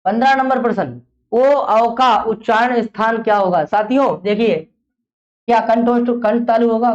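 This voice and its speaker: A woman's voice: on the high side, a little mellow. A woman teaching an exam-prep class, who fires off a question, repeats it, and then answers it herself. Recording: dull lo-fi classroom recording.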